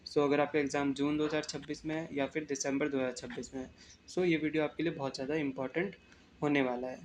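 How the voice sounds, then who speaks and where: A young Indian man teaching an exam-prep lesson, reading English definitions slowly, then explaining them in Hindi. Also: a little high, level tone, slight background noise.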